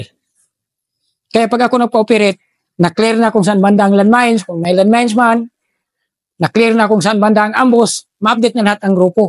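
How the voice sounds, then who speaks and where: A middle-aged man from the Philippines, a former special forces soldier, tells war stories in a casual interview. His high-pitched voice is recorded with no room sound, and he speaks deferentially and haltingly, adding "sir" after nearly every phrase.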